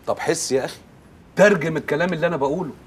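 A fed-up, sarcastic young man in a TV comedy. His husky voice sits a little high, and he fires off his words very fast in a broad Egyptian Arabic accent. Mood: stern. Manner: sarcastic, exasperated. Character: exasperated young man, head of household. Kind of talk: TV comedy drama acting.

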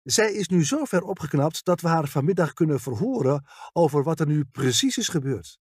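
A man doing a calm grey old detective. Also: a little high, normal speed, slightly rough, no echo, studio quality, voice pushed up. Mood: measured. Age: older. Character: grey veteran police detective, patient and courteous.

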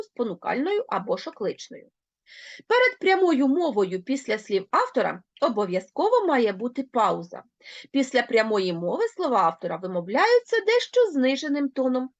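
A woman teacher with a Ukrainian accent explains a grammar lesson, speaking clearly and addressing her pupils directly. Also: on the high side, no room sound, dull audio. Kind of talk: recorded online lesson.

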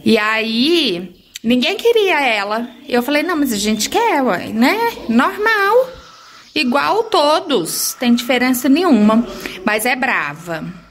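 A woman vlogger talks to her viewers in an easygoing, chatty way, often checking in with them as she goes. Her voice sits a little high, and she speaks slowly and unhurriedly. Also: big pitch swings. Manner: slips into high baby talk with her pet birds. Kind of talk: casual vlog chat to viewers.

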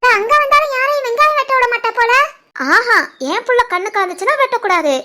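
A kindly middle-aged aunt in a cartoon family story, voiced by a woman, soothing and gently teasing. She speaks in a Tirunelveli Tamil accent, in a very high, squeaky cartoon voice. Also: fast talker, a little hiss or hum. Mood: amused.

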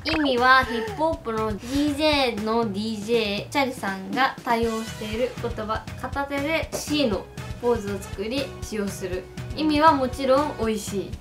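A young woman presents gyaru slang, reading each definition aloud. Her voice sits a little high. There is clear music behind her. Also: moderate pace. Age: 20s.

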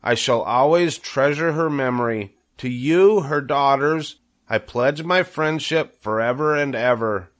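A man's voice: medium pitch, unhurried, a bit bright, pitched above the performer's own voice, natural voice. A man voicing a sentimental, tender-hearted young pig in a storybook, speaking with great earnestness. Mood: solemn, heartfelt.

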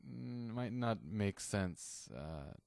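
A man co-hosting a casual podcast, speaking English and hesitating with many ums and soft laughs. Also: fairly low pitch, animated, drawn-out words, vocal fry, no room sound, studio quality. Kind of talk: casual chat. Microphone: studio podcast mic.

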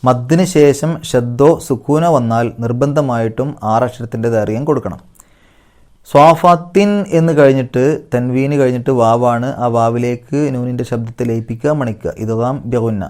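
A man teaching Quran recitation rules, chanting short phrases slowly and higher before explaining each in a lower, softer voice. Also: steady tone.

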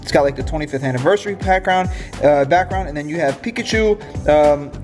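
A man with a fairly high voice that sounds blocked up and nasal, as if his nose were hurt. He hosts a casual vlog, talking chattily to his viewers and repeating phrases as he goes, with music playing behind him. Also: fairly quick, a little mellow. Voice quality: stuffy, nasal sound after nose surgery. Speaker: host of a card pack opening channel. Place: home kitchen indoors. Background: background music.

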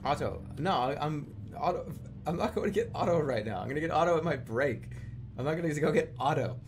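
Animated, jokey male game streamer. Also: a little high, brisk. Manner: jokey, rambling, repeats phrases. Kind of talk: casual live-stream game commentary. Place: small room at home, indoors.

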